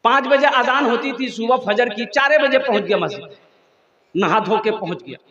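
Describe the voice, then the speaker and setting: At a religious gathering, a male Islamic preacher with an extremely high-pitched, expressive, bright, and forceful voice tells humorous stories at a moderate pace, sings refrains, and prompts the crowd to respond. The PA recording sounds echoey, dull, and lo-fi.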